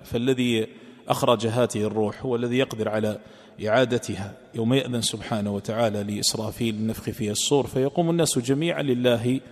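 A man's voice: medium pitch, steady tone. Man teaching exegesis in reverberant hall. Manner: recites verses slowly, repeats phrases to explain. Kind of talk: religious lesson.

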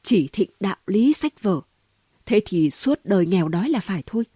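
A woman reading an audiobook voices a gossipy, sharp-tongued city woman who talks in quick exclamations and mockery. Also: mid-range voice, sing-song, husky, dry recording, clean studio sound. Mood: gossiping. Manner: chatty, mocking, full of exclamations.

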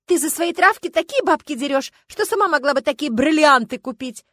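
A woman doing a shrill indignant rich lady, high and loud, swings her pitch around a lot, dry close sound. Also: lively intonation, fast, no echo. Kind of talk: audiobook character voice.

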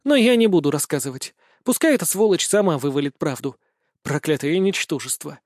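A man's voice: a little high, expressive, brisk, a little mellow, no echo, studio quality. A man voicing a small female spirit helper with a thin, sobbing, fierce voice. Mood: sobbing fury.

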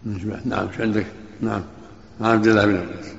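Man, sheikh, brisk corrections, gravelly low voice, fast, echoey lo-fi hall. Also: flat delivery, a crowd in the background. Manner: brisk, interrupting with quick corrections. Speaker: sheikh teaching hadith. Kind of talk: correcting a reader in a study circle. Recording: dull echoey hall recording.

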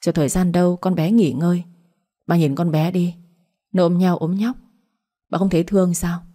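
Woman voicing a middle-aged father, reproachful pleading tone, low husky voice, audiobook drama. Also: steady tone, moderate pace, warm tone, natural voice. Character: aggrieved middle-aged father, patient then angry.

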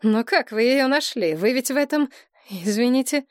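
A woman's voice: high voice, animated, normal speed, a little mellow, dry recording, pitched above the performer's own voice. A nervous, sarcastic middle-aged banker, voiced by a woman audiobook reader, sour and dismissive in tone. The read is dry and close.

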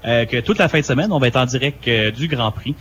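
A man's voice: mid-range voice, expressive, fast talker, fairly bright tone, a little hiss or hum. A man hosting a radio show, teasing his co-host with hesitant, filler-heavy talk. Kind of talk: casual radio chat.

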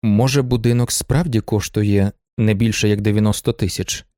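A man voicing a reserved middle-aged merchant who speaks in a measured, curt, reassuring way in a storybook reading. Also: on the low side, darkish tone, dry recording, studio quality, close to an everyday voice. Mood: calm. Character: calm, reserved male merchant of middle age.

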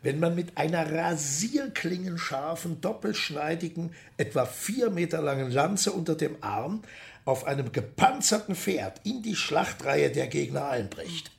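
Playing a no-nonsense medieval weaponry specialist for a radio drama, this man lays out his explanations with documentary-style precision and an instructive tone. He has a gravelly voice on the high side, lively in its intonation, and he keeps a measured pace.

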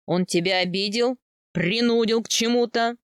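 A woman voicing a stern, authoritative older male khan in an audiobook, speaking in a gruff, commanding way. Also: fairly high pitch, moderate pace, dry recording, clean studio sound, lightly acted. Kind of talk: audiobook character voice.

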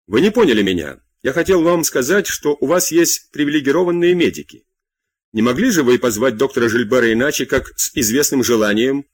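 A man voicing a stubborn middle-aged French king who teases mildly in a husky, lively voice. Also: mid-range voice, brisk, dry recording, close to an everyday voice.

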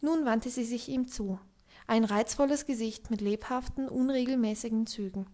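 A woman reading literary prose aloud as an audiobook narrator, in a calm, even way. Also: on the high side, moderate pace. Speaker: audiobook reader.

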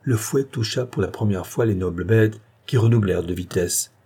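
A man narrating a classic novel in a measured, literary reading style. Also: fairly low pitch, mellow, slightly rough. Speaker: audiobook narrator. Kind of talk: scripted narration.

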